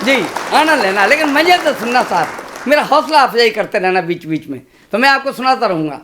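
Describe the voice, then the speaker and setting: A man in his sixties, a comic poet reciting humorous verse on stage in a slow, sing-song way with chatty asides to the audience. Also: extremely high pitch, animated, sharp tone, some chatter behind, slight background noise. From India. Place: stage at a poetry gathering.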